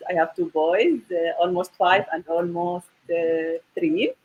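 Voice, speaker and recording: A woman's voice: fairly low pitch, a little slow, husky, phone-quality sound. A woman in her thirties from the Golan Heights, co-hosting a casual talk show over a video call and restarting her sentences often. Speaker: co-host.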